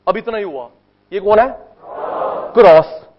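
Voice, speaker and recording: An Indian man teaches economics to a live class, high in pitch and insistent. He hammers terms through repetition and coaxes answers out of the students. The classroom recording is dull and muffled. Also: expressive, a little slow. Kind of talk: classroom lecture with call-and-response drills.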